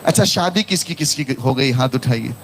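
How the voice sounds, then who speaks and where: A man's voice: medium pitch, moderate pace, noisy background. A man preaching a sermon in Hindi, telling a parable and calling out to his congregation for responses. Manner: animated, calls out to the congregation. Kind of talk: sermon with storytelling and call-and-response.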